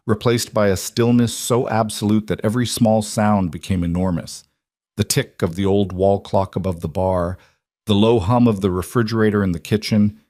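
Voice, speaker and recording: A man narrating a dramatic story in a measured, grave storytelling manner. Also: on the low side, a little mellow, dry recording, clean studio sound.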